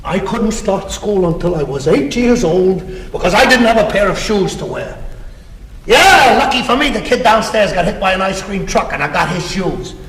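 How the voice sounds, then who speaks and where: A man's voice: high-pitched, animated, moderate pace, a bit bright, a little hiss or hum. A man acting a boastful, competitive self-made businessman in a stage comedy, bragging theatrically in long lists. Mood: self-pitying. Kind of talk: stage comedy cast recording. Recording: echoey theater with long reverb.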